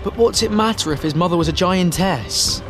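A man's voice: sits high, normal speed, over music, natural voice. A man voicing an earnest, blunt teenage schoolboy with a dry way of speaking.

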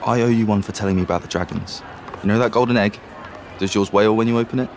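A man doing a low, confiding older schoolboy. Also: steady tone, rapid-fire, a bit bright, slight background noise. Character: friendly confident teenage schoolboy, older student.

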